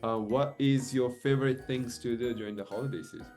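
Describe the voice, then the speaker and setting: A man's voice: medium pitch, fairly quick, a little mellow, soft background music. A man who grew up in Japan, interviewing a guest in a rambling, casual way with many fillers and restarts. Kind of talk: casual video-call interview.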